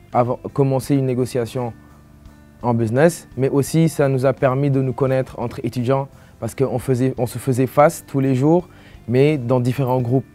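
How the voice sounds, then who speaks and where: A young man from Senegal speaks as a student in a casual testimonial, his tone warm and mellow. He talks easily and drops casual fillers as he goes. Soft music plays faintly behind him. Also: mid-range voice.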